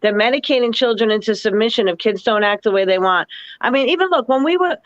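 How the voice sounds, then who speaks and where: A woman co-hosting a political talk show, talking in an indignant, rambling, rapid-fire way. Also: a little high, lively intonation, muffled recording.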